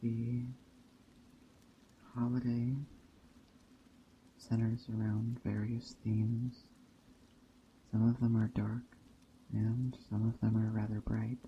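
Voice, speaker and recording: In this soft-spoken ASMR character monologue, a man voices a kindly pagan witch who teaches a traveler about a holiday, talking slowly and carefully and frequently sinking to a whisper. His pitch sits in the middle and his tone stays level. Gentle rain and forest ambience play under a dull, muffled recording with faint ambient noise.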